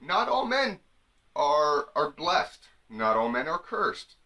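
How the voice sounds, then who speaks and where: Animated, bright-voiced joking young man. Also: fairly high pitch, slow. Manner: animated, jokey, slips into mock women's voices. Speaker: comedy vlogger. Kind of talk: comic advice monologue to camera.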